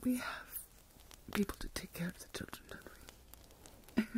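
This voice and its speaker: A woman lies in bed indoors and whispers near the mic, acting out a melodramatic, fretful older Regency mother full of self-pity and theatrical sighs. Her natural voice is a little slow and mellow, and the mood is hopeful and excited.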